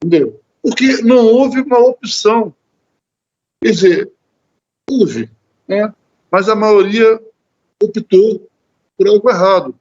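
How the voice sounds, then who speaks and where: A Brazilian man leads a church Bible study in a fairly high voice. He talks earnestly, stumbling over and repeating words as he goes. The audio is dull and lo-fi, like a church livestream. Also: slow, pauses often, darkish tone. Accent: Brazilian Portuguese. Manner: earnest, repeats words while searching, often adds "né?". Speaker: lay preacher.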